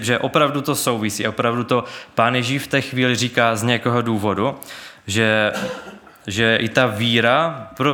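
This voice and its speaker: A man's voice: mid-range voice, sharp tone. A man preaching a sermon in an earnest, searching way, with many restarts and fillers, and reading Bible verses aloud.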